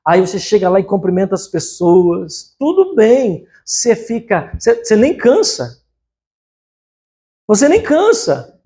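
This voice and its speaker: A man with a high, light voice preaches with fervor, repeatedly asking the congregation to respond. He shifts between loud, stretched-out exclamations and softer, quicker asides. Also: wildly swooping pitch. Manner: emphatic preaching with call-and-response "amém?". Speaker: pastor. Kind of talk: sermon. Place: church service.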